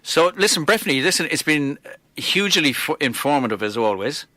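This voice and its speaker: Host guy, bright crisp voice, dry close sound, short nudging questions. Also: on the high side, sing-song, moderate pace, dry recording. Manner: brief prompting questions. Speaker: TV show host. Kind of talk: studio interview.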